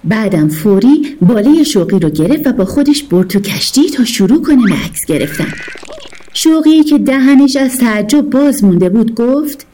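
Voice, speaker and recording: A woman narrating a children's story in an expressive, lively storytelling way. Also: on the high side.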